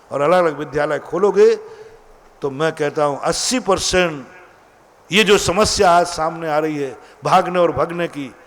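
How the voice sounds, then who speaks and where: A man's voice: a little high, fairly bright tone. A man preaching a sermon as a monk, emphatic and full of rhetorical questions to his listeners. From India.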